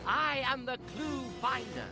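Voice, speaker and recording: A man's voice: very high-pitched, animated, measured pace. A man playing a small, polite, plucky hobbit burglar in a video game, with an eager, theatrical delivery. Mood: flattering. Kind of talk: video game hero acting. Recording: music over the voice.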